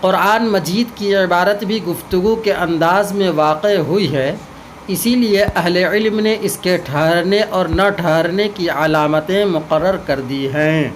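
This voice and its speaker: A man with a high voice teaches a lesson, explaining each point step by step and acting out short spoken examples. A faint hum of room ambience sits behind him.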